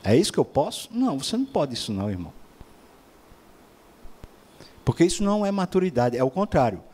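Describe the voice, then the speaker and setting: A man's voice: a little high, sing-song, racing, darkish tone. A man preaching a sermon, asking rhetorical questions and acting out other people's voices.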